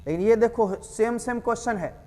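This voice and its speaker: A man's voice: extremely high pitch, moderate pace, mellow, big-room sound, a little hiss or hum. A man with an Indian accent explaining English grammar for an exam, asking and answering his own questions. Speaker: teacher.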